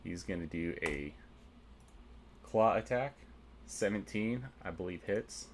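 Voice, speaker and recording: A man's voice: sits low, slow, a little hiss or hum. A man narrating a tabletop game as game master, methodically explaining rules and dice rolls.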